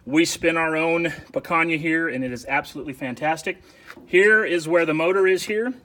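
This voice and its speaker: Middle-aged male host, upbeat and chatty, slightly high bright voice, recorded outdoors on a camera mic. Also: moderate pace. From Texas. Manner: enthusiastic, chatty, directs his camera operator. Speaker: barbecue channel host. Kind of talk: casual backyard walkthrough. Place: backyard patio outdoors. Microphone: camera mic, filmed by a helper.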